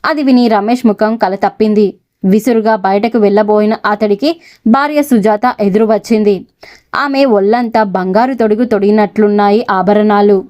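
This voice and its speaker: A woman storyteller giving scripted narration of a serial audio story in a steady, expressive reading. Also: medium pitch, normal speed, highs cut off.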